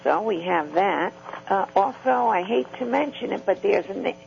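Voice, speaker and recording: Gravelly, halting talk show guest, male-sounding. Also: sits high, lively intonation, a little mellow. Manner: halting, searching for words. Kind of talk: unscripted news discussion. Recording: dull radio line, faint hum.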